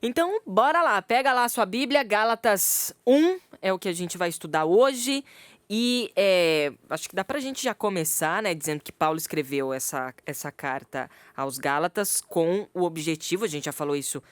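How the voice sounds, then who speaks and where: A woman with a lowish, expressive voice talks at a moderate pace as co-host of a radio podcast, recorded in a radio studio with no echo. The conversation is a casual Bible study chat, and she laughs often.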